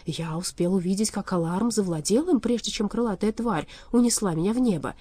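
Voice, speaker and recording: A woman's voice: medium pitch, a little fast, mellow, natural voice. A woman reading a storybook aloud, voicing a stubborn, agitated male straw scarecrow held captive.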